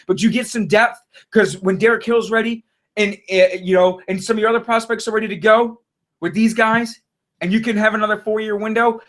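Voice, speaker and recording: A man with a fairly high voice rants to camera as a frustrated sports fan. He swears constantly and circles back to the same points again and again. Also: a bit bright. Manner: frustrated, heavy swearing, repeats himself. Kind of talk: profane fan rant to camera.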